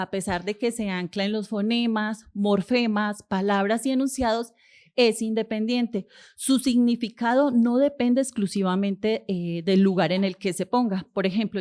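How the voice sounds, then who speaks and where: A woman lecturer with a somewhat high voice explains a linguistics topic to a conference audience. She asks herself rhetorical questions and then answers them. She fills her pauses with hesitations. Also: darkish tone.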